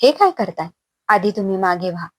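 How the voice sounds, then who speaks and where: A woman voicing a frightened young wife who pleads and pushes back, with a husky, raised voice. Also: medium pitch, animated, fairly quick, close to an everyday voice.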